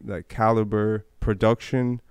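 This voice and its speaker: A man's voice: fairly low pitch, flat delivery, unhurried, a little mellow, smooth, no echo. Man, host, casual chat, slang-heavy, rambling, dry close sound. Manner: slangy, rambling, many fillers. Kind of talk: casual conversation.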